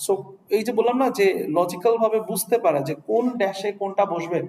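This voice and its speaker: A man's voice: sits high, fast, darkish tone. Bangladeshi man teaching in an echoey classroom. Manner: asks the class frequent checking questions; mixes English words into Bengali. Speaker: English test teacher. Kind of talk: classroom lecture. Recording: echoey room, faint noise.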